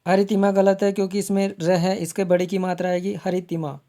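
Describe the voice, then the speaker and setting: A man teaching Hindi grammar for exams, repeating each word slowly to spell it out and calling viewers his friends. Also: sits high, level tone, dark tone. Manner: slow, repeats words to spell them out. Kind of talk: exam-prep lesson.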